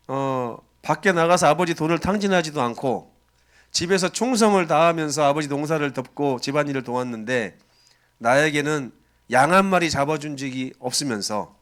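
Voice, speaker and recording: A man's voice: on the high side, darkish tone, close to an everyday voice. A man voicing a resentful elder son who complains angrily to his father. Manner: indignant, pressing, complaining.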